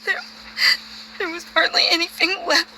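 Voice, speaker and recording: A woman playing a grieving, hurt and suspicious young daughter in a video game, breathy and creaky, with a raw, probing delivery. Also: very high voice, little pitch movement, moderate pace, pushed and bright, a little hiss or hum, exaggerated voice, low-quality recording. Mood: distraught. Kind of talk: video game dramatic acting.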